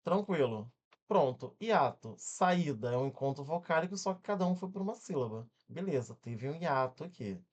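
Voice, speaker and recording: Brazilian male tutor, animated swooping delivery, punchy quick check-ins, breaks words into syllables. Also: a little high. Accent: Brazilian Portuguese. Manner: energetic, checks in often with quick questions. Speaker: exam-prep grammar teacher. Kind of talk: online exam-prep lesson.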